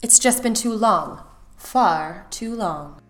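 Woman as a brisk, wealthy client, mid-pitched and all business. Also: animated, faint music behind. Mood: impatient. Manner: brisk and no-nonsense. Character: wealthy, impatient female client searching for her brother.

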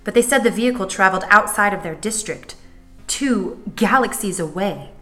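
Woman as a brisk, wealthy client, mid-pitched and all business. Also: expressive, sharp tone, faint music behind. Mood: impatient. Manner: brisk and no-nonsense. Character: wealthy, impatient female client searching for her brother.

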